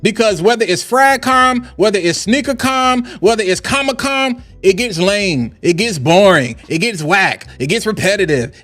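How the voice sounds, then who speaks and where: A man hosting a livestream, ranting in an animated, hyped way that swings from loud to low and calm. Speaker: livestream host. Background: faint background music.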